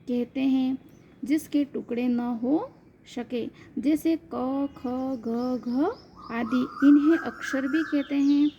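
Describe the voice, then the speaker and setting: Slow, dark-toned woman teacher. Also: high-pitched, lo-fi sound, slight background noise. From India. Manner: slow, deliberate, spells out letters one by one. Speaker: school teacher. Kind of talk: slow grammar lesson.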